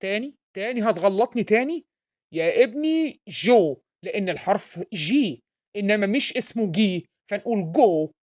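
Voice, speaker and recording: Here the same sketch role, a pompous, blustering father who berates his son during tutoring and garbles English, is voiced by a woman with an Egyptian Arabic accent. Her natural voice sits at medium pitch and sounds brisk, expressive, and a little mellow.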